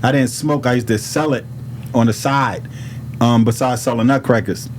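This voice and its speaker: Speaking at normal speed in a mid-range voice, this Harlem-born rapper with a New York accent spins casual stories as a podcast guest. He leans on lively, profane street slang and acts out what people said, over a faint hiss or hum.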